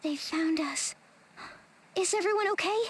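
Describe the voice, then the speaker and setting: A woman's voice: extremely high pitch, a little slow. A woman voicing a strong-willed young heroine in a video game, plain-spoken and commanding but caring. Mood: worried.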